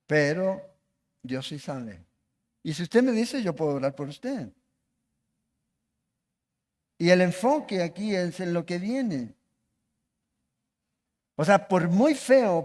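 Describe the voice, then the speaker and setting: A man's voice: high voice, darkish tone. A man preaching a sermon as pastor, asking the congregation questions as he goes. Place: church hall. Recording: long reverb of a church hall.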